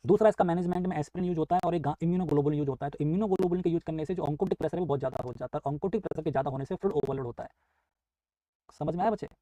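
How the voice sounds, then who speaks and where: Speaking very fast in a mellow voice on the high side, this man runs a live online nursing exam class. He walks through material step by step, mixing English into Hindi and playing out students' questions and his replies. The audio is poor but has no echo.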